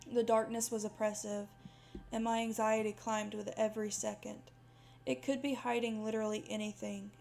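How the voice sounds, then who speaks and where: A woman's voice: medium pitch, darkish tone. Woman narrating a creepy holiday horror story. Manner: dramatic first-person storytelling.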